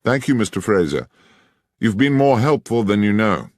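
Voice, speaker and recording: A man reading aloud, voicing a courteous, probing gentleman detective. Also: lowish voice, very animated, moderate pace, no echo, studio quality, pitched above the performer's own voice. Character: keen, incisive gentleman detective.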